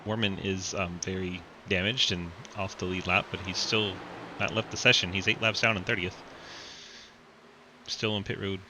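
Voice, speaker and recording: A man's voice: low voice, steady tone, moderate pace, background noise. A man doing play-by-play commentary for an online sim race, calling positions and laughing often.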